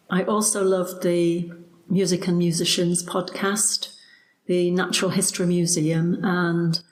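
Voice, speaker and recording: A woman in her seventies from Leeds with a Leeds accent, sending a recorded message of praise as a listener in an earnest, steady way. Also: lowish voice, rough recording. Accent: Northern English, Leeds. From England. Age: 70s.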